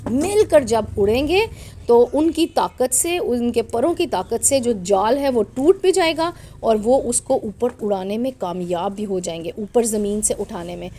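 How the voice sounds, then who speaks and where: Patient woman teacher, mellow voice. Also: fairly high pitch, slight background noise. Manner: patient, spells out letters slowly, asks questions. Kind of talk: reading a story aloud to young children.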